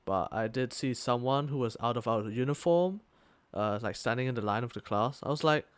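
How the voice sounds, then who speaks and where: This young podcast co-host has a clear, resonant, medium-pitched voice and talks briskly, recorded dry. His story wanders, littered with filler words, restarts and constant swearing. He lives and studies in Thailand.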